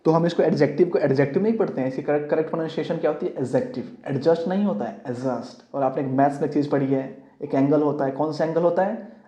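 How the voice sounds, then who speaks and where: Male teacher, exam-prep English lesson, slightly high voice, mellow tone, dull lo-fi recording, quizzes students rhetorically. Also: rapid-fire. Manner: asks the students rhetorical questions and answers them himself; mixes English terms into his explanations. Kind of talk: classroom-style exam lesson. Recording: dull lo-fi audio.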